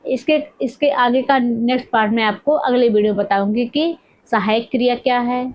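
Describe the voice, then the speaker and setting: A woman teaching a grammar lesson, repeating each point and asking questions as she dictates the examples slowly. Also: a little high, muffled recording.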